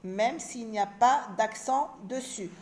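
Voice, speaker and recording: Slow-spoken woman teaching children to read. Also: a little high. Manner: slow, clearly spelled-out syllables and repeated words. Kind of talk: reading lesson for children.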